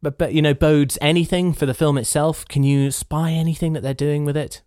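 A man's voice: fairly high pitch, steady tone, brisk, a little mellow, clean tone, no echo, clean studio sound. A man co-hosting a podcast, teasing and laughing often in casual chat. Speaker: podcast co-host.

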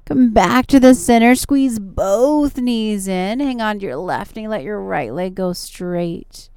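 A woman's voice: medium pitch, animated, slow pace, warm tone, smooth, dry recording, clean studio sound. A woman yoga instructor leading guided stretching and relaxation in a soothing, encouraging manner. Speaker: yoga instructor and show host.

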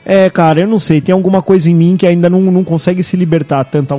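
A Brazilian man chatting on a casual podcast, with a slightly raised pitch and a playful, joking manner. He laughs often between lines, with faint music behind him. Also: fairly even intonation, quick pace, dark tone. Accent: Brazilian Portuguese. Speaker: podcast host. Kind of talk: casual chat.

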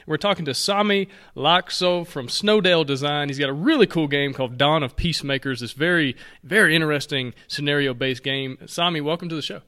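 A man's voice: fairly high pitch, sharp tone. Upbeat man hosting a podcast. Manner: upbeat, friendly, quick questions. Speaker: podcast host. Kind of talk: casual interview chat.

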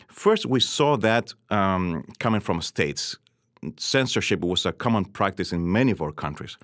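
Man from Chile, deep voice, earnest, halting with fillers, dry close sound. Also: no room sound. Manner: earnest, with frequent fillers and restarts. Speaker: guest. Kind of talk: podcast interview.

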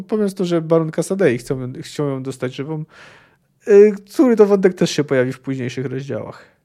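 A man's voice: a little high, mellow. A man hosting a book podcast, reading passages and thinking aloud hesitantly, with many fillers. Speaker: podcast host.

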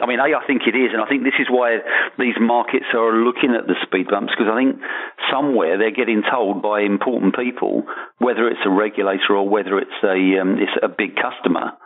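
A man who writes a markets column, talking through an issue in casual podcast chat, hesitant and full of restarts. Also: fairly low pitch. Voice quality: hesitant, many restarts and fillers. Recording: phone-like narrow sound.

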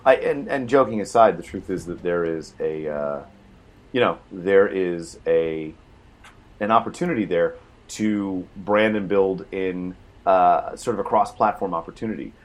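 A man's voice: deep voice, measured pace. A man co-hosting a casual gaming talk show, joking with a dry, sarcastic humor. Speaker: podcast co-host. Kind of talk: casual chat.

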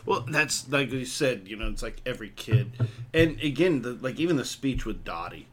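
A man's voice: medium pitch, expressive, moderate pace, fairly bright tone, husky. A man chatting casually as a podcast co-host, rambling with lots of fillers and laughing often. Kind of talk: casual chat.

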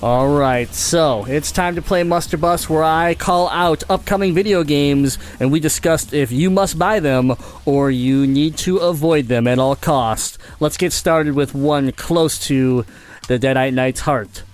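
A man's voice: fairly high pitch, soft background music. Casual male podcast host. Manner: halting, restarts phrases.

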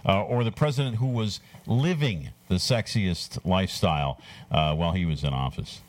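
A man's voice: low-pitched, moderate pace. A man co-hosting a casual radio chat, upbeat and asking the guest questions. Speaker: radio co-host.

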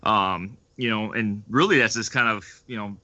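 A man's voice: lowish voice, normal speed, no echo, muffled recording. A man speaking casually as a coach on a podcast panel, loose and full of fillers. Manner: relaxed, hedging with fillers. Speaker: strength coach, panel guest.

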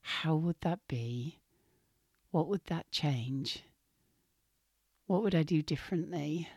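A woman hosting a spiritual podcast, talking gently and softly with her voice still recovering, sometimes dropping to a whisper. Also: deep voice, no room sound, studio quality. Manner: soft, slow and gentle, drifting into whispers. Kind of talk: casual spiritual podcast talk.

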